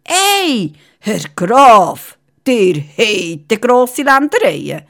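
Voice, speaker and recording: Brief: a woman playing a wide-eyed storybook king, Swiss German accent, slow marveling delivery. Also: lowish voice, animated, a little mellow. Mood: impressed. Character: amazed old fairy-tale king.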